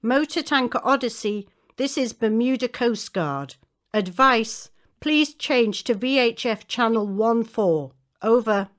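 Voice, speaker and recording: A woman's voice: on the high side, lively intonation, a little slow, a bit bright. A woman reading a scripted marine radio call in formal, procedural phrasing. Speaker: language test voice.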